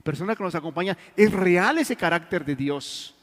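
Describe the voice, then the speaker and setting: A man preaching a sermon in Mexican Spanish, telling stories earnestly and swinging between loud and hushed. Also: high voice, lively intonation, moderate pace. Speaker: pastor. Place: church hall. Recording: long church reverb.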